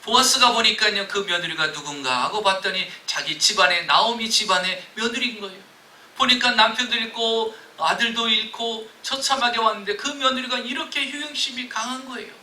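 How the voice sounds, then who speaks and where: A man's voice: sits high, normal speed, bright, forceful tone, reverberant, recorded from a distance, poor audio. A man preaching a sermon as pastor, telling stories and joking with his congregation. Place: church sanctuary.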